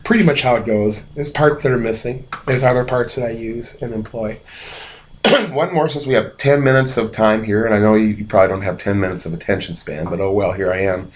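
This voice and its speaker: Male street singer-songwriter, low voice, rambling and self-deprecating patter between numbers. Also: fairly even intonation, fairly quick, a little hiss or hum. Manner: rambling, hesitant, wry and self-mocking. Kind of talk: casual talk to camera between songs.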